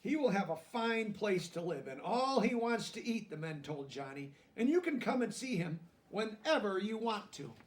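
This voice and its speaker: Very animated, a man with a distinctly high voice works through a children's storybook at a deliberate pace. Between passages he softens and explains things in plain language. He sounds well away from the microphone.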